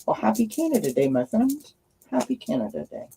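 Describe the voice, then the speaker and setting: This livestream host reads oracle cards by a firepit outside, chatting in a relaxed, friendly manner with her audience. Her mid-range voice is scratchy, creaky and mellow, and she talks fairly quickly in a sing-song way.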